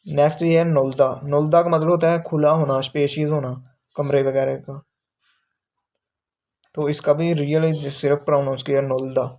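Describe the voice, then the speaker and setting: Working from a textbook, a man who teaches Korean repeats each word slowly and then explains the term. His voice is on the high side and darkish in tone, with a flat delivery.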